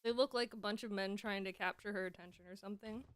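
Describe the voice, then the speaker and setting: A woman's voice: medium pitch, fairly even intonation, quick pace, a little hiss or hum. A young woman streaming a game, chatting casually, giggling often and sometimes talking with her mouth full. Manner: chatty, giggly, talks while eating.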